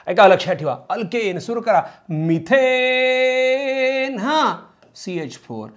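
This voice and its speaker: A male teacher giving a chemistry lecture to students. He drills them in a loud voice and chants the names of compounds in a sing-song way. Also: high-pitched, sing-song, normal speed.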